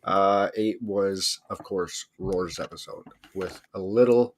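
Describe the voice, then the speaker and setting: A man's voice: sits low, slow pace. A man co-hosting a live golf podcast, talking in an easygoing way with hesitant fillers and the odd swear word. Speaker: podcast co-host. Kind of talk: casual chat.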